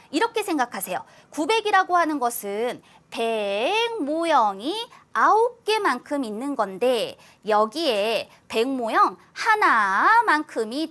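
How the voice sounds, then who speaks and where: A woman teaching an elementary school math lesson, speaking to children in a sing-song way and drawing out key words. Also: high-pitched. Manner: sing-song, addresses kids warmly with drawn-out emphasis.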